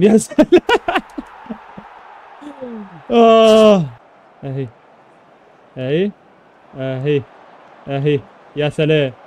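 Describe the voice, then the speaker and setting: Young Egyptian gaming YouTuber, male, high and very fast, excitable running commentary with repeated shouts. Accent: Egyptian Arabic. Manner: excitable, repeats exclamations rapidly. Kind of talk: live gameplay commentary.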